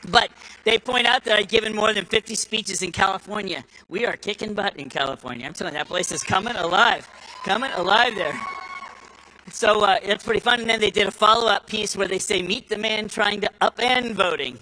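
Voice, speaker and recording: High-voiced man telling a folksy story. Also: a little fast, sharp tone, rough recording. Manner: folksy, repetitive, emphatic. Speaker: speaker at an election event. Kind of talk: speech with storytelling.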